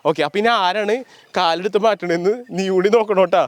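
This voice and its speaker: A man's voice: high voice, fairly even intonation, fast, dry recording. A man hosting a challenge video, playful and teasing, hyping the contestants with sung sound effects. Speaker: host running an ice sofa challenge.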